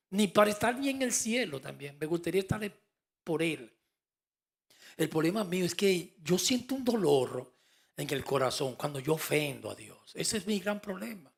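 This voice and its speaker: A male pastor preaching a fervent sermon, swinging from soft asides to emphatic calls. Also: a little high, creaky, breathy edge.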